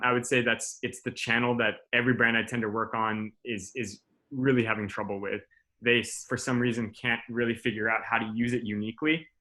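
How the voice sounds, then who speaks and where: A man in his thirties giving a casual class talk, loose and profane, full of fillers and restarts. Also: medium pitch. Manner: relaxed, swearing, many fillers and restarts. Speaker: strategy director presenting a class. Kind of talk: casual presentation over video call.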